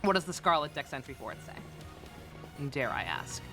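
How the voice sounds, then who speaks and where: Guy streaming a game, casual joking sweary chat, really lively pitch, music going behind him. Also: moderate pace. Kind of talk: casual playthrough commentary.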